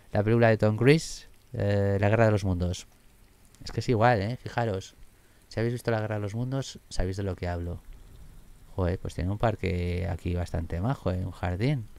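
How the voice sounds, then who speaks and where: A man commenting on his game as he plays, excitable and swearing often. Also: fairly low pitch, normal speed, creaky. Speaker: gaming streamer. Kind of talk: let's play commentary.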